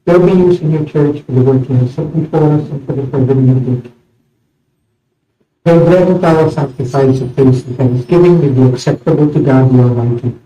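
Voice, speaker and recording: A man leading a church service as priest, reciting liturgical prayers in a measured, solemn way, with his voice ringing in a cathedral echo. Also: mid-range voice, warm tone, faint music behind. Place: large church. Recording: echoey church, distant, muffled mic.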